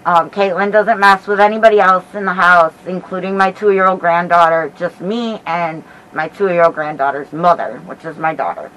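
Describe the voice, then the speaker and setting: A middle-aged American woman giving a casual vlog update in a hesitant, halting way while feeling sick with a headache. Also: lowish voice, a bit bright, low-quality recording. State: unwell with headache and nausea. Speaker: paranormal vlogger. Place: small dim bedroom, indoors. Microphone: camera mic at about arm's length, through a cloth face mask.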